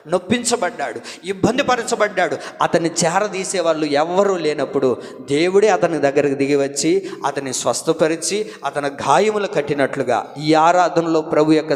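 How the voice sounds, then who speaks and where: A man preaching a sermon as pastor, swinging between loud outbursts and quiet asides and asking the congregation questions. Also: sits high. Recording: long hall reverb.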